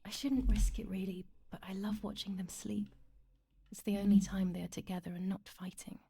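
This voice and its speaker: Guilt-ridden twin sister, whispered role-play. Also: female voice, medium pitch, flat delivery, normal speed, vocal fry, slightly rough. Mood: tender. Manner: hushed, brooding, confessional. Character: young woman, guilt-ridden twin who killed her sister.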